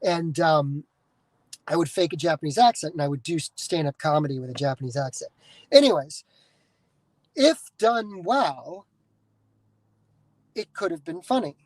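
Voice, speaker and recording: A man's voice: on the high side, lively intonation, normal speed, pauses often, no room sound, low-quality recording. A man from the United States hosting a podcast, talking in a casual, rambling monologue full of restarts and swearing. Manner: digressive, swears freely, many restarts. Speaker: podcast host.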